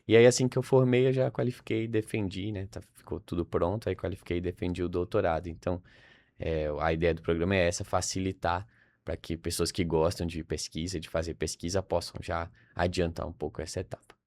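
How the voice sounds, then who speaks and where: A young man from Salvador with a Brazilian accent speaks in a low, steady, slightly mellow voice at a somewhat quick pace, with no echo. He's a podcast guest in a casual interview, chatting informally and thinking aloud, often tacking on tag questions.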